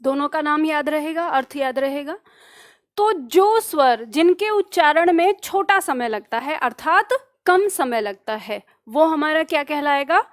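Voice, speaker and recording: Woman, high voice, exam-prep teacher who dictates slowly and quizzes herself aloud. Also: lively intonation. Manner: repeats phrases slowly for dictation; asks questions and answers them herself. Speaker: Hindi grammar teacher. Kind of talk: online exam-prep lesson.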